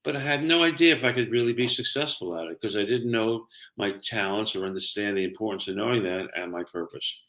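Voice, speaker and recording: A man's voice: on the low side, brisk, few pauses, a bit bright. An older man with a Brooklyn, New York accent, explaining and telling personal stories conversationally as a career coach, emphatic and often checking in with the listener.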